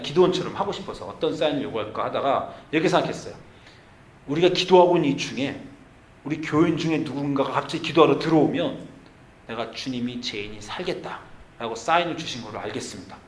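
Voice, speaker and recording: A male pastor preaching a sermon, dropping to hushed, slow storytelling and rising to loud pleading. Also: on the high side. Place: church sanctuary. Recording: echoey church sanctuary.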